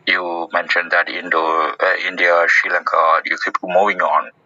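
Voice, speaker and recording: A man hosting a casual group discussion in an audio chat room, earnest and halting, with many restarts. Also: low voice, level tone, sharp tone, dry recording. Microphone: phone in an audio chat app. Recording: muffled dry audio-room recording.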